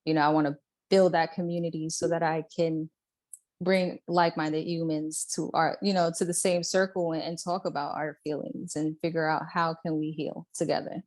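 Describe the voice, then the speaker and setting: A woman's voice: deep voice, level tone, moderate pace, a little mellow. A woman raised in Brooklyn, chatting earnestly as a guest artist and filling her talk with "like" and "you know". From born in Puerto Rico, raised in Brooklyn. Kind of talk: casual interview chat.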